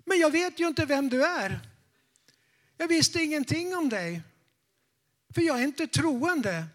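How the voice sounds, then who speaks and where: A man's voice: very high-pitched, expressive, fairly bright tone, exaggerated voice. A man doing a nervous, blunt older woman. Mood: earnest. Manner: hurried, fast talk.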